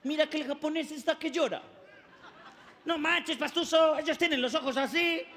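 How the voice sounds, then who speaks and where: A man voicing an excitable young Mexican man with a Mexican accent, high and incredulous, in a reverberant hall. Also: normal speed, a faint crowd. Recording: reverberant hall, faint noise.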